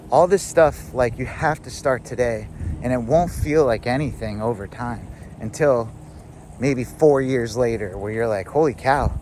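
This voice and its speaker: Reflecting on his upbringing, a vlogger in his thirties rambles to the camera in a casual self-help monologue thick with fillers. He speaks at a medium pitch, a little mellow, with slight hiss or hum on the recording.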